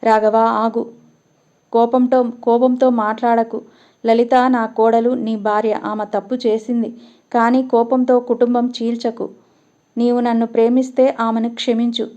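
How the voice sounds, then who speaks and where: Soft forgiving old village mom a woman reading her, dark mellow tone, flat delivery, dull lo-fi audio. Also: a little high, unhurried, natural voice. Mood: pleading. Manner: tearful, pleading. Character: gentle forgiving elderly village mother.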